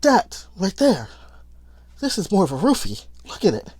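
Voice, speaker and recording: A man commenting on a tabletop game, reading rules aloud in a rushed, stumbling way and arguing his point. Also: sits high, wildly swooping pitch, a little mellow, breathy edge, no echo. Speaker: YouTube commentator.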